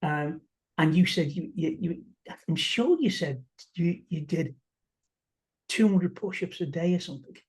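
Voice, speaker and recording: A man chatting casually, halting and restarting his sentences often. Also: fairly high pitch, expressive. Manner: halting, many restarts and fillers. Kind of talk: casual conversation.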